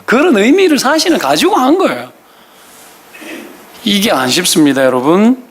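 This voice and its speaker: A middle-aged man with a Gyeongsang Korean accent, preaching a Sunday sermon as pastor and acting out nagging parents in quick voices. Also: high-pitched, big pitch swings, a bit bright, a little hiss or hum.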